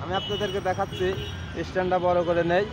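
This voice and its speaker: A man's voice: high voice, little pitch movement, fast. A man with a Bangladeshi accent hosting a casual street vlog, talking in an informal, repetitive, coaxing way. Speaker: video host. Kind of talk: casual street vlog talk, addressing viewers and a young boy. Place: outdoors on a busy city roadside. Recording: noisy outdoor street with traffic. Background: traffic, vehicles, city ambience.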